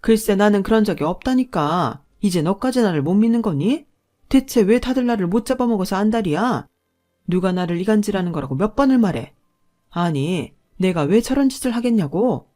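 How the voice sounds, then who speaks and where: A woman's voice: mid-range voice, expressive, normal speed, few pauses, mellow, soft background music, voice pushed up, lightly acted. A woman voicing a stubborn, defiant older mother-in-law who insists on her innocence. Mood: indignant. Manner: indignant, insistent denials.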